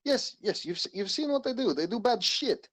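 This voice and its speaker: A man's voice: sits high, expressive, normal speed. A man playing his character in a tabletop game, arguing stubbornly, with a put-on Russian accent that comes and goes. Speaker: player. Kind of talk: in-character tabletop role-play.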